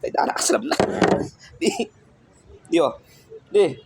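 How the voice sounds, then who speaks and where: A man's voice: measured pace, very noisy. A man filming a challenge video, coaxing playfully and laughing often in casual off-camera talk.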